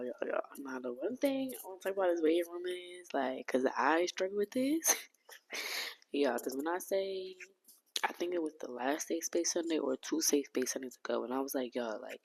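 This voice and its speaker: A woman's voice: extremely low pitch, vocal fry, rough recording. A woman hosting her own podcast, talking candidly in a heartfelt, rambling way with casual slang and frequent restarts. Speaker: podcast host.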